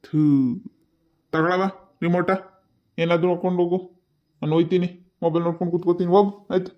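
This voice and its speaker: A stubborn young son in a cartoon talks back with sulky defiance, voiced by a man. His voice is high and flat, recorded with a dull, lo-fi sound. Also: quick pace, natural voice. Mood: defiant. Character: stubborn lazy college-age son.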